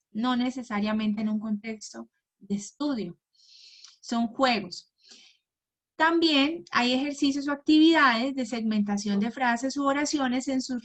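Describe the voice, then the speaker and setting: A woman giving a patient lesson to parents, checking in often with "right?" and spelling out example words slowly and clearly. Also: on the high side, fairly bright tone. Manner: patient, asks "¿verdad?" and "¿sí?" often; slow, clearly articulated model words. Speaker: homeschool teacher. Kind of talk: instructional talk to parents.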